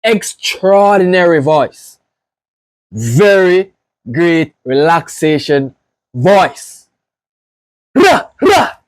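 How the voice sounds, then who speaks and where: A man from Jamaica with a Jamaican accent, hosting a casual reaction video and gushing with excited praise as he talks to his viewers. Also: on the high side, extremely slow, pauses often, no echo.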